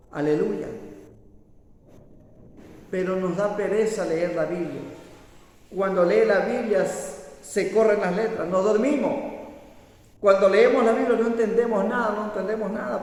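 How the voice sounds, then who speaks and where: A man's voice: high voice, darkish tone. A man pastor preaching a sermon, scolding and emphatic, often breaking in with hallelujahs. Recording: echoey hall reverb.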